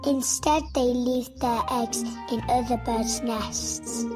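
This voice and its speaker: Slow and steady, a slightly high female voice brings to life a happy, trusting little girl in an animated fairy tale for kids. She addresses young listeners simply and warmly in a cheerful teaching mood, with music playing underneath.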